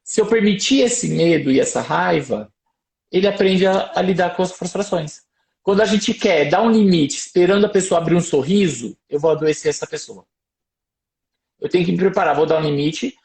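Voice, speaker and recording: A Brazilian man, a doctor, giving parenting advice on a live stream in a lively, explaining way with anecdotes. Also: high-pitched, moderate pace, creaky, roomy sound. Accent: Brazilian Portuguese. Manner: lively explaining, tells anecdotes, asks "percebe?".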